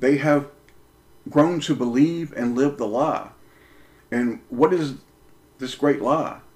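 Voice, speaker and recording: A man's voice: medium pitch, takes it slowly, darkish tone. A man delivering a preaching monologue, emphatic, with rhetorical questions and punchy, repeated lines. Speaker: religious commentator.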